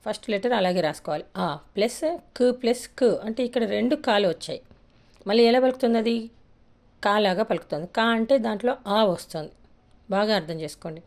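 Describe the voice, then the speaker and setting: A woman teaches a beginners' lesson, breaking each letter into its parts and repeating them patiently. Her mid-pitched voice carries a gravelly, creaky texture. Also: fast, a little mellow. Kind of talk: spoken Telugu lesson on writing letters.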